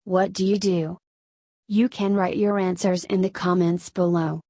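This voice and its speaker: A Spanish woman, a native Spanish speaker, explaining Korean grammar in English with a Spanish accent, in steady step-by-step scripted narration. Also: fairly low pitch, unhurried, no room sound. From Spain. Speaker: Korean language teacher.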